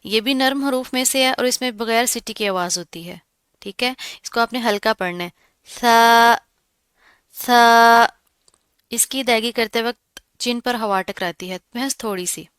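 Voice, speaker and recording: A woman gives a pronunciation lesson. Her voice is bright and crisp, a little high, and recorded dry and close. She explains each sound and then says it slowly and drawn out. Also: no echo. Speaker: Quran recitation teacher.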